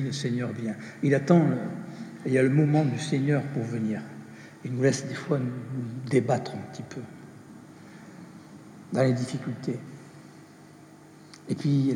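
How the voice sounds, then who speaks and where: Male preacher with a mellow, measured delivery and an echoey hall sound. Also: medium pitch, a little hiss or hum. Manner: slow, measured, dropping soft on quoted words. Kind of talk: sermon. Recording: echoey hall with long reverb.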